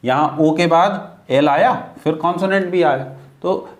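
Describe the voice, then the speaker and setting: A man teaching a classroom-style lesson, spelling out letters and repeating each word slowly several times. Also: fairly high pitch. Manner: slow, drawn-out repetition of words. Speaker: English teacher. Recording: echoey room.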